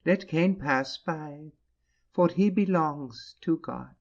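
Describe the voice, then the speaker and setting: Audiobook drama: male actor playing tiny earnest priest, slow and grave, slightly dull muffled recording. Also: fairly high pitch. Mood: sorrowful, resigned. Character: small, gentle, grave male priest, quietly insistent.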